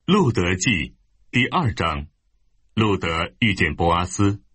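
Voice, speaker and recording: A man reads scripture in a steady, measured narration. His voice sits very low and is slightly husky. The recording is dry and close, with no room sound. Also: no room sound. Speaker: scripture reader. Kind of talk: scripted audio Bible narration.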